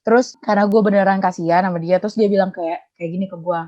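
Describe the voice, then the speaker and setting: A woman's voice: mid-range voice, steady tone, quick pace, dark tone. Young woman, casual storytelling, acts out phone calls, slangy, dull lo-fi podcast audio. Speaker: podcast guest, debt collector.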